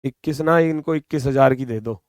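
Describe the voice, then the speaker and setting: A man's voice: mid-range voice, normal speed, darkish tone, dry recording, clean studio sound. A man with a Hindi accent teaching a recorded exam-prep reasoning class, repeating points and coaxing his students. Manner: repetitive, coaxing, addresses students as bhai and beta.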